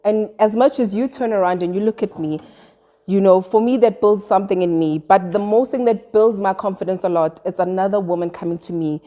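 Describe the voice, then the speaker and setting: Mellow-voiced South African woman. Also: medium pitch, brisk. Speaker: guest. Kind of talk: casual group chat.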